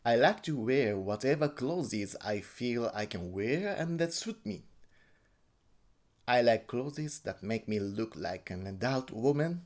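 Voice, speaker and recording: Man, Japanese accent, medium pitch, slow pace, halting delivery with repeated words, first-person account. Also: a little mellow. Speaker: interviewee.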